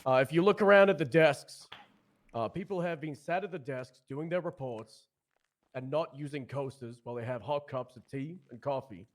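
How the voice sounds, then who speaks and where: A man's voice: fairly high pitch, normal speed. A man playing a police officer who gives announcements at a role-play meeting, rambling and restarting as he clarifies.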